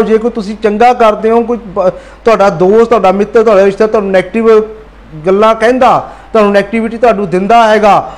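A man giving a motivational talk. He speaks earnestly, repeats phrases for emphasis and addresses his listeners directly as friends. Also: very high voice.

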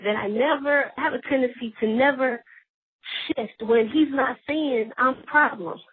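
Husky woman on a phone line. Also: sits high, a little slow, no echo. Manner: earnest, confessional, emotional. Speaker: guest. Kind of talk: casual faith talk show chat. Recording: dry, tinny phone-line sound.

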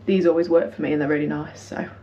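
A young British running vlogger talks fast and casually to her camera indoors in a house hallway, colloquial and self-deprecating. Her voice sits low with a dark, steady tone. The camera is at arm's length or propped nearby, and the sound is lo-fi.

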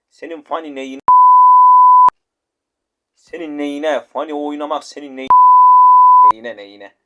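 A man ranting and swearing while commenting on his mobile game match, repeating himself as he complains. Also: mid-range voice. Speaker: gamer. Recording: noisy gameplay recording.

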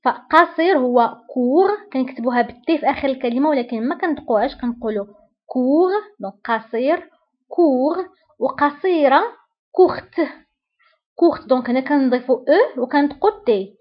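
A woman with a Moroccan Arabic accent, teaching a vocabulary lesson slowly and deliberately, repeating each word several times. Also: high voice, expressive, muffled recording. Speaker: French teacher.

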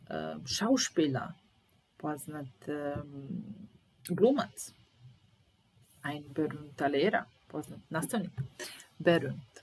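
Lady teaching german real slow, says each line twice then translates, lowish voice. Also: bright, forceful tone. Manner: repeats German sentences then translates, patient. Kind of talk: slow language lesson.

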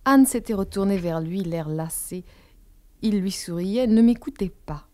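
A woman narrates a literary novel in a calm, measured reading. Her voice is warm and mellow, with a middle pitch. It is an audiobook reading.

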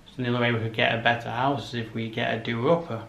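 Man in his thirties, creaky voice, little pitch movement, casual rambling vlog, handheld camera indoors, noisy background. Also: flat delivery, fast talker, fairly bright tone. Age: 30s. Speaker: vlogger. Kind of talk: casual walkthrough chat to camera. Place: rooms of a house, indoors. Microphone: camera held at arm's length.

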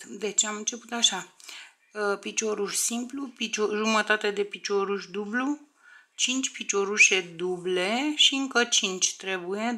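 A woman's voice: medium pitch, vocal fry, sharp tone. A woman teaching a crochet tutorial step by step, counting stitches aloud, often under her breath, and checking in with viewers.

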